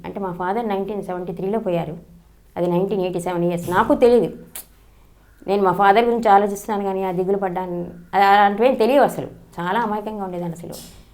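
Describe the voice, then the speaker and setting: A woman's voice: mid-range voice, a little mellow. A woman, telling a personal memory in an earnest, storytelling way. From Andhra Pradesh, India. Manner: fast, earnest storytelling with frequent restarts. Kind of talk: personal reminiscence.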